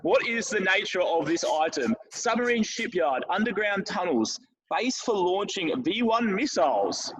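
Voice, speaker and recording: A man's voice: high voice, sing-song, moderate pace, hardly any pauses, fairly bright tone, slight background noise, poor audio. A man hosting a casual podcast quiz, reading out questions and teasing his co-hosts. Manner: playful, teasing, reads questions aloud. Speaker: quiz host.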